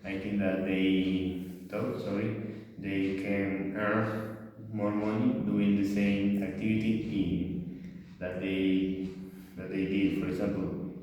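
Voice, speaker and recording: Young Spanish-speaking man, low and flat, presenting haltingly with many fillers and restarts, heard from far off in a roomy space. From Venezuela. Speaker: language student presenting. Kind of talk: class presentation. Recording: distant, echoey room.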